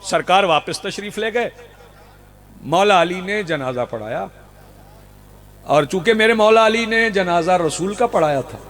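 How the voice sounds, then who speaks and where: Pakistani male preacher, high voice, rhetorical outdoor sermon with repetition. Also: animated, unhurried, pauses often, a bit bright. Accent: Pakistani Urdu. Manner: rhetorical, repeats lines for emphasis, rouses the crowd. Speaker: Shia preacher. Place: outdoor religious gathering.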